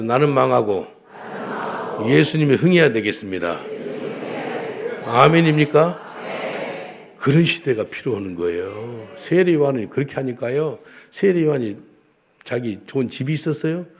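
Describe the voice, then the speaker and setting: A man's voice: mid-range voice, darkish tone. A middle-aged man preaching a sermon in a Korean accent, telling a story with emphasis and leading the congregation in repeated prayers. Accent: Korean, with Korean-accented English phrases. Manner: storytelling, acts out a street encounter with quoted English. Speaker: pastor.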